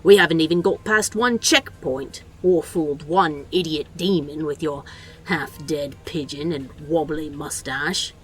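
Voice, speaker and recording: A woman's voice: low-pitched, unhurried, faint music behind. A woman voicing a sardonic, bossy male demon in a fan audio drama, talking in a dry, exasperated, scolding way.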